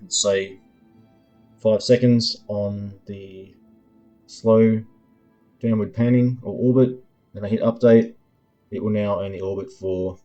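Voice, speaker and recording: A man demonstrating his own app in a screen-recording tutorial, explaining each control in an unhurried way, with lots of ums and uhs as he thinks aloud. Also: on the low side, mellow. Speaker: developer demoing his app.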